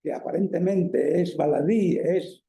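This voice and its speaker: In an echoey lecture hall, a man from Spain speaks as a university professor with a Peninsular Spanish accent, his voice warm, on the high side and touched by vocal fry. He keeps a measured pace, explaining step by step with frequent fillers and tag questions.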